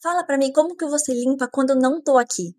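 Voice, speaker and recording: A woman's voice: high voice, fast talker, darkish tone, no room sound, clean studio sound, natural voice. Woman quoting a fussy, bossy rich employer.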